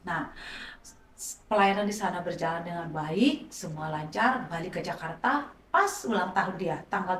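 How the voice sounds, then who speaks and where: A middle-aged woman, a pastor's wife, giving an emotional personal testimony in a conversational way. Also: fairly low pitch. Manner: conversational, acts out quoted dialogue. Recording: roomy, distant mic, faint noise.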